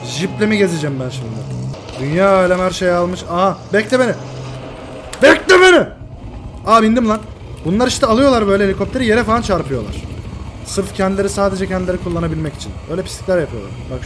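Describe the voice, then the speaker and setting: A high-voiced man commentating his own shooter gameplay, quick to yell and curse at teammates. Game noise and engine rumble sit clearly under his voice. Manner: excitable, swears and shouts at teammates. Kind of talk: live gaming commentary.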